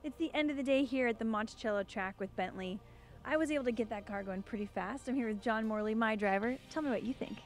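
A woman's voice: fairly high pitch, fast talker. A young woman hosting outdoors at a race track, speaking energetically into a handheld mic. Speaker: host. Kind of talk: upbeat presenting and interviewing.

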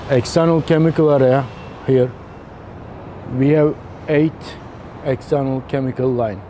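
A man in his thirties on a factory floor, explaining machine installation step by step in halting, simple phrasing. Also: mid-range voice, fairly even intonation, noisy background. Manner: halting non-native phrasing, slow and step-by-step. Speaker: technician demonstrating machine installation. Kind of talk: instructional walkthrough.

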